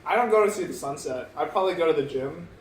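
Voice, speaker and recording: A man's voice: a little high, lively intonation, fast talker. A young man hosting a vlog, answering questions casually while eating, humming "mm" between thoughts. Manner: eats while talking, hums "mm" between thoughts. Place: indoors at a meal. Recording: echoey room, mic at a distance, faint noise.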